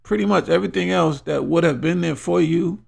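A middle-aged podcast host delivers a motivational talk, emphatically urging listeners on and repeating phrases for weight. His gravelly, husky voice sits a little high and is slightly mellow, and he speaks fairly quickly.

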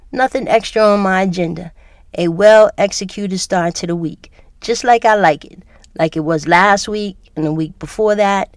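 A woman hosting her podcast, telling a personal story in a relaxed, chatty way while congested from a cold. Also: medium pitch, no echo, clean studio sound. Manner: relaxed, chatty, laughs easily. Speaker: podcast host.

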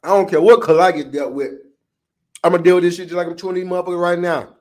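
A man's voice: high-pitched, steady tone, quick pace. An American man on a casual comic rant, swearing freely and talking in playful slang. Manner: profane, slangy, playful ranting. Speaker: co-host of a vlog.

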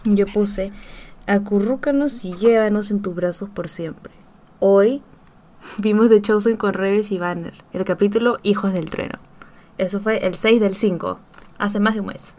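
A woman's voice: mid-range voice, unhurried, a little mellow, a little hiss or hum. A woman co-hosting a casual chat, reading verses and sharing her own notes with easy laughter. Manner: reads verses, then shares notes, laughing easily. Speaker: podcast co-host. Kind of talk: casual Bible study chat.

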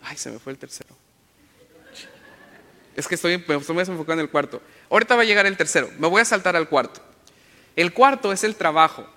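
High, bright-voiced priest with a playful homily. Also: male voice, animated, a little fast, long pauses. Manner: playful, jokey asides and self-corrections; imitates other people's accents. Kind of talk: Sunday homily. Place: church. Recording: long church reverb.

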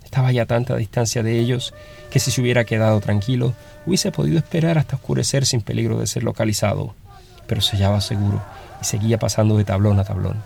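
A man reading a story aloud as narrator, in a steady, dramatic storytelling manner. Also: fairly low pitch, fast, creaky.

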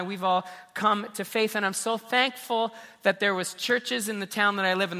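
A man's voice: high-pitched, sharp tone. A man, a pastor, speaking earnestly from a church stage, often repeating words as he starts a phrase. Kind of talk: church stage talk and interview. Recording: reverberant church hall.

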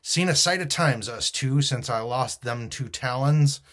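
A man's voice: mid-range voice, unhurried, fairly bright tone, natural voice. A man doing a wheedling, sneering old pirate. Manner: wheedling, mock-friendly.

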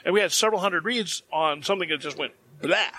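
Bright-voiced man rambling on a podcast. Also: high-pitched, fast talker, a little hiss or hum. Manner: rambling, self-correcting, emphatic. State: dry throat. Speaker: podcast co-host. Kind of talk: casual podcast chat.

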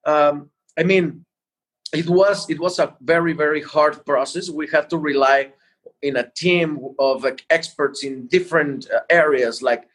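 A man explaining things in an interview as a guest entrepreneur, halting and repeating words as he goes. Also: on the high side, a bit bright, breathy edge. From Mexico.

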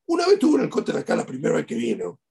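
A man's voice: on the high side, huge pitch swings, rapid-fire, gravelly, warm tone, husky. A middle-aged man with an Argentine Spanish accent, a rabbi giving a eulogy sermon and telling stories with animation, repeating key phrases.

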